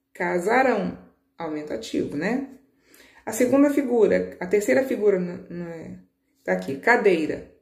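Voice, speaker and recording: A woman teacher patiently walking children through a worksheet, stretching key words slowly and checking in with short questions. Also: mid-range voice, vocal fry, a little mellow, reverberant. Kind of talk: children's lesson walkthrough.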